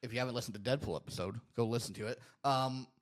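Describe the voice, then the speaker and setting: Casual male podcast host reading matchups. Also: mid-range voice. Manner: reads titles aloud haltingly, then talks loosely. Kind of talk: casual film chat.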